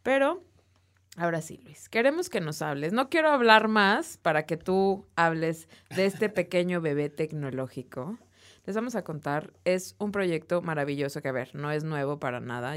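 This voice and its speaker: A woman's voice: low voice, animated, normal speed. A young woman with a Mexican accent co-hosting a podcast, playful and teasing, laughing often. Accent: Mexican Spanish. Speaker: podcast co-host. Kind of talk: casual podcast chat.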